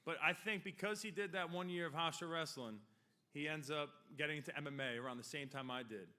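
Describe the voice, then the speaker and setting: A hall of fame inductee in his 40s from Long Island, New York, speaks into a podium microphone in a ceremony hall. His bright, forward voice is fairly high-pitched and brisk. His acceptance speech rambles, swinging between jokes and heartfelt moments.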